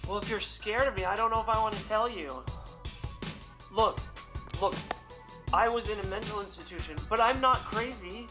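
A man's voice: high voice, normal speed, long pauses, lightly acted, rough recording. A man playing a paranoid escaped male mental patient in an amateur radio drama, stammering and rambling. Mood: frantic. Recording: music playing underneath.

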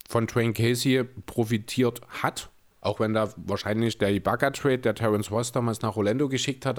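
Measured, analytical male podcast co-host. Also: medium pitch. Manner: measured, analytical, chuckles often. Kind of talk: casual basketball chat. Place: room with closed soundproof windows.

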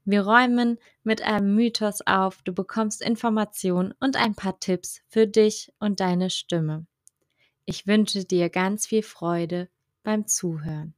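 A woman speech and voice coach hosting her podcast, giving calm, gentle advice straight to the listener. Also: mid-range voice, dry recording, studio quality. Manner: slow, gentle, addresses listener directly.

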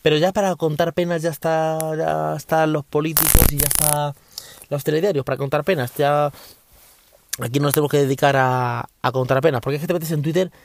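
Man host from Spain, casual rambling monologue, slightly high voice, talking from a parked car. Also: steady tone, fairly quick, vocal fry, a little hiss or hum. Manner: rambling, frequent restarts and swearing. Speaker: podcast host. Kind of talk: casual chat.

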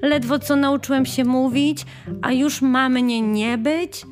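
A woman's voice: high voice, fairly even intonation, soft background music, pitched above the performer's own voice. A woman voicing a small, shy plush toy badger who speaks earnestly in a children's audiobook. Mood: earnest protest. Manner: earnest, quick to protest.

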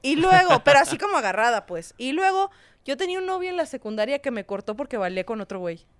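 A woman's voice: sits high, quick pace, dry recording. A young woman from Mexico, chatting casually and acting out quotes from her family as she tells stories. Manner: animated storyteller, acts out quotes. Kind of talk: casual podcast chat.

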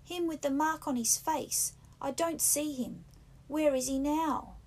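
A woman voicing an anxious, fussy schoolboy who scolds the others indignantly, in husky, rough-grammared speech. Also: high-pitched, lively intonation, unhurried, a little mellow, voice pushed up, heavily acted. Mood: alarmed. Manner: indignant, breathless, nagging, with a rough country-boy grammar. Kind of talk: audiobook character reading.

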